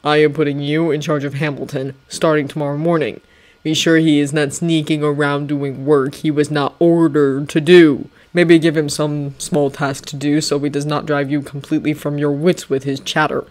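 A woman's voice: deep voice, little pitch movement, normal speed, a little mellow, lightly acted. A woman voicing a stern older male general who gives firm, clipped orders. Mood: commanding.

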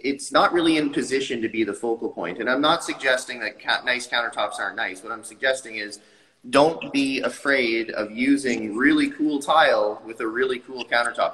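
Bright-voiced enthusiastic tile guy. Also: medium pitch, long reverb tail, rough recording. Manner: enthusiastic, animated hand gestures. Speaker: tile company owner, guest. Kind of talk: casual interview talk. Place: tile showroom, indoors. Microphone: video call webcam.

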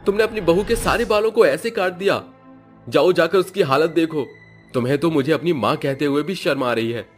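A man voicing a young caring husband in an animated story, speaking in a raised, pleading tone. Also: sits high, normal speed, slightly rough, faint music behind, voice pushed up. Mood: angry. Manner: gentle, pleading, later angry.

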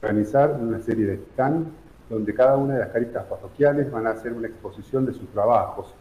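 A middle-aged man from San Juan, Argentina, explaining his charity's work in a remote news interview, measured and full of fillers. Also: mid-range voice. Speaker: charity director guest. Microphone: video call. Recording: echoey room, dull video-call audio.

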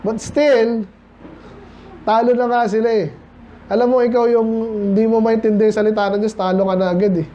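A man's voice: sits high, level tone, fairly quick, mellow. A Filipino man preaching a midweek Bible study sermon in a conversational way, often asking the congregation questions. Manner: conversational, mixes English into Tagalog, asks the congregation questions. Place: church hall. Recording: dull lo-fi church recording with faint noise.

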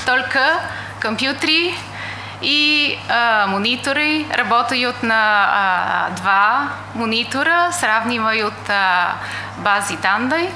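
A woman's voice: on the high side, lively intonation, slow, pushed and bright. A middle-aged woman who is not a native speaker lectures over slides with a foreign accent and frequent hesitations. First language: not a native Russian speaker. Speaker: conference lecturer. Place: indoor lecture room. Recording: echoey room with faint hiss.

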